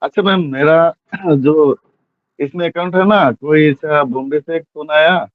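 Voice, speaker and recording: A man who is a student asking his teacher a question in an online class. He speaks haltingly and keeps restarting his sentences. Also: a little high. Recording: tinny dry phone-like line.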